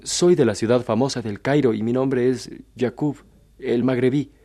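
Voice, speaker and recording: A man's voice: mid-range voice, fairly even intonation, normal speed, mellow, pitched above the performer's own voice, close to an everyday voice. A man voicing a humble, ruined traveler who answers plainly and earnestly.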